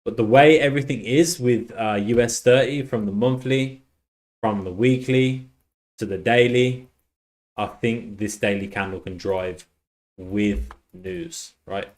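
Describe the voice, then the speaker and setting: This livestream trader speaks in a mid-range, slightly mellow voice, unhurried as he chats on a casual stream. He reads messages from the chat aloud, his voice giving out, and keeps starting his sentences over.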